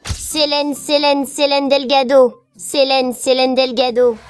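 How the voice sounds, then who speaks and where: A man chanting in a high voice as an eerie little ghost girl, in a singsong summoning call. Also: little pitch movement, takes it slowly.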